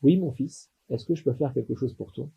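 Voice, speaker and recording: A man voicing a calm, gentle old sage. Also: medium pitch, a little fast, creaky, breathy edge, highs cut off, pitched below the performer's own voice. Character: gentle, wise elderly male sage, calm and reassuring.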